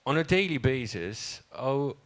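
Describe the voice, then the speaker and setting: A man's voice: medium pitch, lively intonation, measured pace, fairly bright tone. A man hosts a panel discussion at a conference. He introduces the speakers with light, wry humor and steers the talk. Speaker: panel moderator. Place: conference hall stage.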